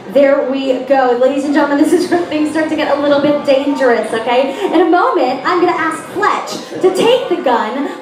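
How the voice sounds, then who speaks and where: A woman's voice: sits high, background noise. A woman performing as a stage magician with theatrical live patter to an audience. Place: large live stage venue. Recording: echoey stage, distant mic, music behind.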